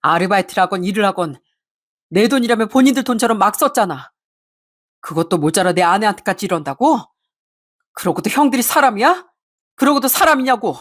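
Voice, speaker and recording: A woman voicing an angry husband who shouts bitterly at his family. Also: mid-range voice, lively intonation, brisk, pauses often, close to an everyday voice. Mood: bitter fury. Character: furious, fed-up younger husband.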